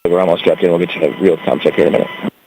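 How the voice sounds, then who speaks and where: A crew member speaking over a helmet headset radio link from inside a capsule, giving clipped call-outs. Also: male voice, low voice, fairly even intonation, rapid-fire, creaky, a little mellow, a little hiss or hum, poor audio.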